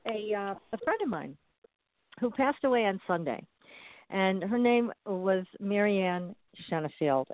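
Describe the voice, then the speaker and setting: A woman's voice: mid-range voice, no echo. A woman hosting a radio show, making announcements in an informal, effusive, conversational way. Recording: dry, narrow phone-like sound.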